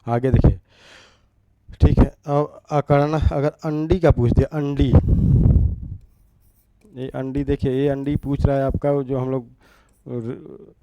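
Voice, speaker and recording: A man's voice: medium pitch, level tone, slow, pauses often, warm tone, dull audio. A man teaching an exam-prep grammar lesson, repeating each word and asking rhetorical questions as he writes.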